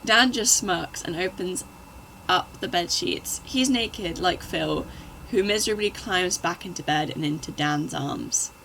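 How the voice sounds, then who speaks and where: A woman reads fanfiction aloud in an unhurried, bright voice. She keeps stopping to add wry, exasperated asides about what she has just read. She is recording at home. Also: fairly low pitch, vocal fry, a little hiss or hum, rough recording. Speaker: channel host. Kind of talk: reading fanfiction aloud with commentary.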